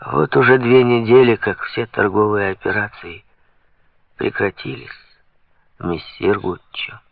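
A man's voice: on the low side, fairly even intonation, measured pace, creaky, dry recording. A man reading the part of dejected, hungry provincial bank clerks in a glum, subdued way, in a dull lo-fi recording. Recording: dull lo-fi sound.

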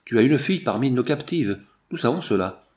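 A man's voice: mid-range voice, expressive, a little fast, a little mellow, lightly acted. A man reading the lines of a cunning, defiant warrior orator, arguing in a mocking way in an audiobook. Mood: scornful. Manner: mocking, argumentative speech.

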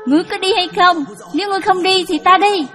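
A woman voicing a bitter, harsh older mother-in-law who scolds in shrill, cutting bursts. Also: animated, fast talker, soft background music. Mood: furious.

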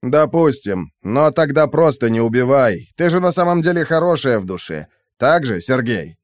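A man voicing a thoughtful, calm male scientist who speaks in a measured, persuasive way. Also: mid-range voice, no room sound, clean studio sound, lightly acted.

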